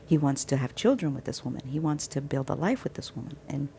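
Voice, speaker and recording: A woman's voice: deep voice, expressive, quick pace, vocal fry, dark tone, slight background noise. A woman casually telling a personal faith story, chatty and sometimes dropping to a whisper. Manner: chatty, acts out quoted dialogue with restarts. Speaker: vlogger sharing a faith testimony.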